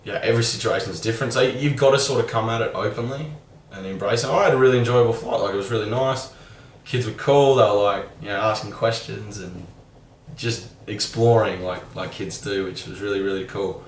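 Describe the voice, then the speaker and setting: A young man with a fairly low, brisk voice muses casually and candidly in a rambling vlog monologue, peppered with "like" and mild swearing. The recording sounds roomy, a bit distant from the mic, with a faint background hum.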